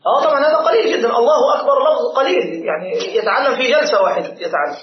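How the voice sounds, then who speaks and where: A man's voice: very high-pitched, lively intonation, racing. A man with an Egyptian Arabic accent teaching a class on Islamic jurisprudence, explaining and repeating points and quizzing his students. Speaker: sheikh teaching Shafi'i jurisprudence. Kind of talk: classroom lesson explaining a fiqh text. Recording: echoey room, dull lo-fi sound.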